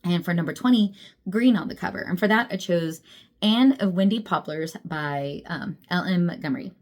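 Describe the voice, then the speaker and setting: A woman's voice: lowish voice, normal speed, a little mellow. A young adult woman chatting casually about books, laughing often and poking fun at herself. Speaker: book vlogger. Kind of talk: casual chat.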